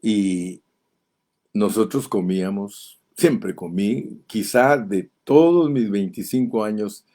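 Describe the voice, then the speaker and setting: A man's voice: fairly low pitch, slow, warm tone. A man in his seventies with a Guatemalan Spanish accent, preaching a sermon as a pastor, telling folksy stories and building to impassioned appeals. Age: 70s.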